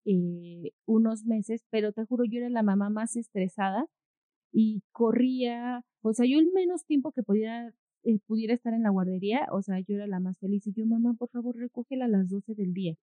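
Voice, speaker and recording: Speaking fairly quickly in a slightly high voice, a mother and co-host narrates a story in relaxed conversation. She's an animated storyteller who performs the quotes, and the recording sounds dry, like a phone.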